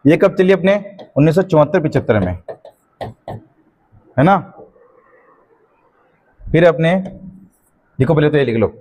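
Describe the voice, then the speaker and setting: A middle-aged man, teaching an exam-prep class and slowly dictating notes, repeating each phrase and checking in with his students. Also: on the high side, expressive, darkish tone. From Rajasthan.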